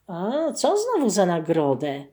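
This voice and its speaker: A woman voicing a simple, earnest male peasant in a folk tale, exclaiming in a lively voice. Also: fairly low pitch, slow pace, heavily acted.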